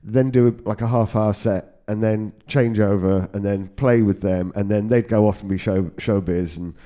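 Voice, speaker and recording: A man's voice: lowish voice, steady tone, normal speed, warm tone. A man in his forties, a guitar tech telling road stories in casual chat, swearing freely and laughing often. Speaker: podcast guest, guitar tech.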